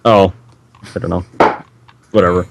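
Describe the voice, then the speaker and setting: A man's voice: low-pitched, flat delivery, moderate pace, vocal fry, noisy background. A man co-hosting a casual gaming podcast, talking in a laid-back, offhand way. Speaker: podcast co-host.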